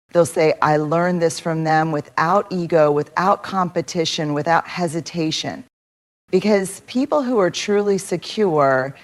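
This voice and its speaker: A woman delivers a motivational speech in a low voice. She speaks slowly and deliberately, stressing each phrase and building her points through rhythmic repetition. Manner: measured, emphatic delivery with rhetorical repetition.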